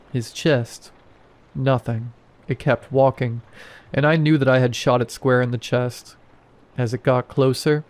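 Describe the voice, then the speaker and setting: A tired male guard talks through what he saw in a plain, conversational way, with little asides thrown in, as a narrator puts him on. The voice sits at an ordinary middle pitch. He sounds like an everyday man. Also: a little mellow, natural voice. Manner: plain first-person retelling, casual asides.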